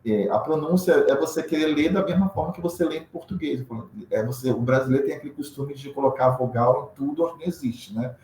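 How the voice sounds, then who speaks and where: A man's voice: a little high, brisk, hardly any pauses, a little mellow. A man from Brazil, an English teacher, explaining in a casual interview, often acting out pronunciations and adding tag questions. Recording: roomy echo with faint background noise.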